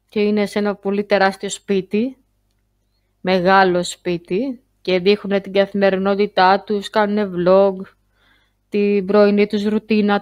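A woman talking casually to her viewers in a vlog, chatty and halting, full of fillers and restarts. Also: medium pitch, dry recording. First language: Greek. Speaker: YouTuber. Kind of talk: casual screen-share vlog.

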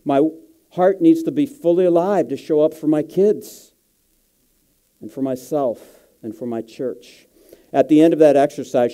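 A man's voice: medium pitch, dark tone, smooth. A male guest pastor giving a sermon, telling personal stories in a casual, slangy way.

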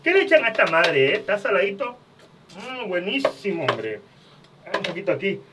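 A man's voice: high voice, very animated, moderate pace, noisy background. A man voicing a brash, foul-mouthed comic superhero, answering fan questions in a crude, mocking vlog outdoors by a river. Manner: crude, mocking, full of insults and slang.

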